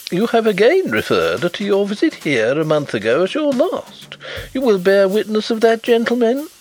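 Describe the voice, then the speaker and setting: A man's voice: high-pitched, husky, voice pushed up, exaggerated voice, rough recording. A man voicing an exasperated, formal bank manager.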